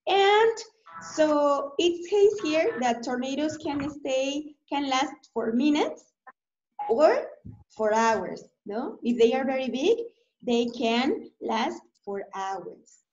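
A woman teacher with a Mexican accent and a high voice leads an online reading lesson at an unhurried pace. She keeps her phrasing simple and checks in with questions. The sound is dull and echoes around the room. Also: sing-song, a little mellow, a little hiss or hum. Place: indoor room, on a video call. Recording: muffled, echoey online class audio.

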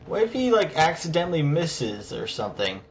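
A man's voice: a little high, very animated, moderate pace. A man doing casual let's play commentary, jokily complaining and talking back to the game.

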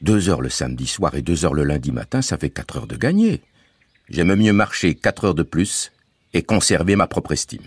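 A man voicing a gentle, timid young mother who speaks softly and earnestly. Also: very deep voice, very animated, normal speed, husky, no echo, exaggerated voice.

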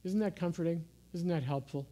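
A man giving an informal sermon in a gentle, conversational way, sometimes dropping to soft, hushed asides. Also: a little high, a little fast. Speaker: pastor. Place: church.

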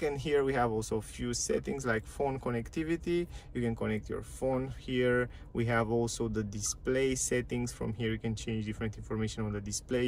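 With slight background noise behind him, a medium-pitched man gives a casual walkthrough of a car's dashboard and touchscreen menus from a parked car. As a car reviewer, he's chatty, repeats himself, and uses non-native grammar.

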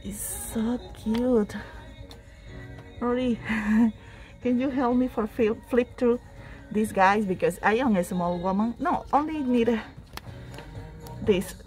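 A woman records a casual shopping vlog on her phone in a busy craft store aisle. She talks slowly in a mellow voice, gushing over items in English. Faint music plays behind her. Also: on the high side. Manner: chatty, non-native English, frequent delighted exclamations. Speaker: craft vlogger. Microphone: handheld phone camera.

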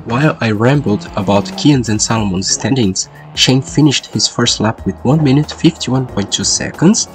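A man's voice: medium pitch, moderate pace, rough recording. A man hosting race qualifying commentary while sick, with a congested, duck-like voice. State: sick with a lingering cold. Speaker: sim racing commentator and host. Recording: music behind the voice. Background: background music.

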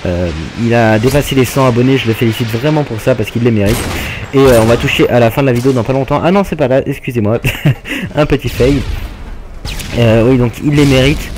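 A man casually commenting on his own gameplay, hesitant with many filler pauses and a laid-back, jokey manner. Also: medium pitch. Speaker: gaming channel host. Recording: game gunfire noise underneath. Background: video game gunfire.

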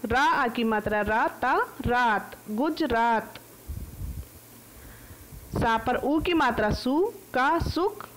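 An Indian woman teaching an online class for small children, sounding out words one syllable at a time in a slow phonics drill. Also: a little high, animated, fairly bright tone, a little hiss or hum.

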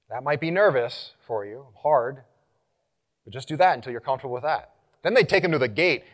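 A man speaking as a conference presenter, energetic and engaging, leading the audience through exercises and getting louder as he rallies the room. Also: medium pitch. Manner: animated, gets louder when rallying the room. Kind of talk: live conference talk.

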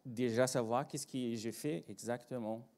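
Slow Brazilian man giving a talk. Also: medium pitch, fairly even intonation, darkish tone. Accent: Brazilian Portuguese. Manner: hesitant, many fillers and restarts, joking. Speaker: agile trainer and consultant. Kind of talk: conference talk. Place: conference room with live audience.

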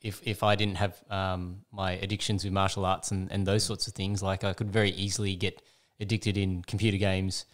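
A man hosts a casual podcast chat. His voice sits on the low side. He is easygoing and chatty, and he laughs and drops in quick agreements while his guest talks. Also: little pitch movement. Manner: chatty, laughs often, backchannels a lot. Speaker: podcast host.

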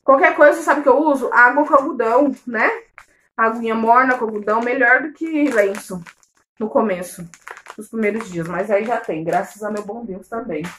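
Chatty high-voiced woman. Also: moderate pace, fairly bright tone, slight background noise. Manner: affectionate, chatty, addresses viewers as loves. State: late pregnancy. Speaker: vlogger. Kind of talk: casual chat.

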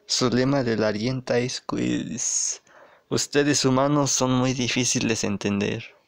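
A man's voice: medium pitch, steady tone, unhurried, vocal fry. A man giving playful, boastful gameplay commentary and reading game dialogue aloud. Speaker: gamer. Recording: game music under the voice. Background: game music.

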